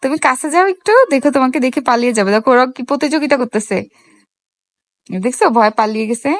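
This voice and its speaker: High-voiced mother coaxing her toddler. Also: fast talker, no echo. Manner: gentle, coaxing, asks many little questions. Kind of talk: casual vlog talk to a small child.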